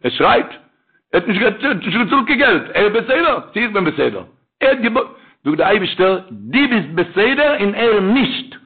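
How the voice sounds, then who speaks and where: Impassioned preacher over a tinny line. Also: male voice, sing-song, normal speed. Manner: swings from low muttering to loud chanted outcries. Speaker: rabbi preacher. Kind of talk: Yiddish-style sermon with chanted Hebrew verses.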